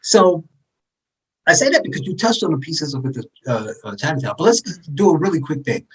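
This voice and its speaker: A man talking as a podcast guest in animated political commentary, sarcastic and fond of mocking impressions. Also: fairly high pitch, a little fast, breathy edge, far from the mic, rough recording. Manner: sarcastic, jumps into mocking voices for emphasis.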